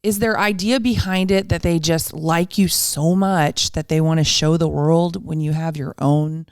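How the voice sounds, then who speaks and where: A woman in her fifties with a low voice talks casually as a podcast co-host. She jokes at her own expense and laughs easily, and her voice sounds dry and close. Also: steady tone, a little slow, smooth, no room sound. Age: 50s. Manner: joking, self-mocking, laughs often. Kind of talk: casual chat.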